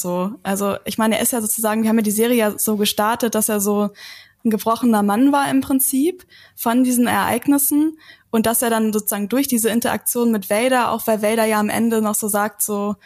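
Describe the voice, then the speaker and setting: A woman's voice: fairly high pitch, darkish tone. A woman co-hosting a podcast in casual discussion, hesitant and searching for words, with many fillers. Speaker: podcast host.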